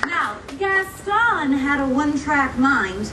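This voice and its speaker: Slow and heavily acted, a woman storyteller at a theme park show voices a gracious young princess for children, very high-pitched, animated and full of encouraging questions. The mood is playful and encouraging, and the distant, echoey audio picks up the audience around her.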